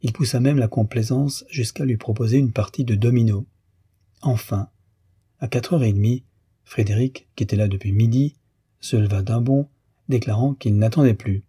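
A man reading a classic novel aloud in measured, even narration. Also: mid-range voice, slightly rough, no room sound, studio quality. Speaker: audiobook reader.

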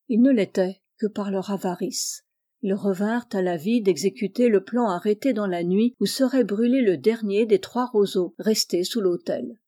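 A woman reading a classic novel aloud as narrator, measured and dramatic. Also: mid-range voice, warm tone. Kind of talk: audiobook reading.

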